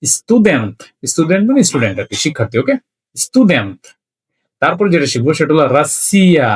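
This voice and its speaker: A man with a slightly high voice teaches beginners. He sounds out words one letter at a time and repeats them slowly. He keeps checking that his students are following along. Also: very animated, slightly rough. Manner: slow, repetitive spelling out letter by letter; checks in with listeners often. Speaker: language teacher. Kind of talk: beginner language lesson.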